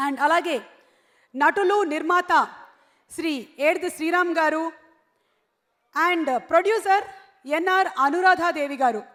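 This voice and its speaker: A woman's voice: extremely high pitch, fairly bright tone. A woman anchoring a stage event, announcing guests in a bubbly way and mixing in English phrases, through an echoey hall PA. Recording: echoey hall PA with faint ambience.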